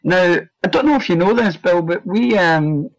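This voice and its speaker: A male radio co-host asking listener questions in a halting way with fillers. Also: high voice, animated, no room sound, rough recording. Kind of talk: casual interview chat.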